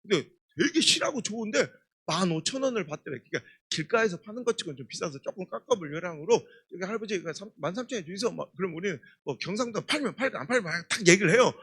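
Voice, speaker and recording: A middle-aged man preaching a revival sermon, telling stories in an emphatic, animated way. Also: high voice, quick pace, hardly any pauses, husky. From Chungcheong, Korea. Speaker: guest pastor.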